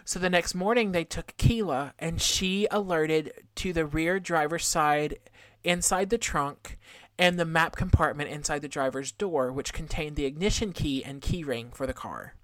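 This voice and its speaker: A woman's voice: low voice, normal speed, few pauses, dry recording. A woman hosting a podcast, telling a true-crime story from notes in a conversational way, with casual asides and some trouble pronouncing her Rs. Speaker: podcast host.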